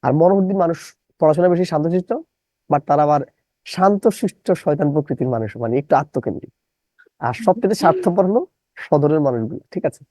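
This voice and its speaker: A man's voice: fairly high pitch, lively intonation, fast, warm tone, dry recording, poor audio. Give me a male English teacher who drills words syllable by syllable. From Bangladesh. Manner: drills students, repeats questions, spells words out syllable by syllable. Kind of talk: live online English lesson.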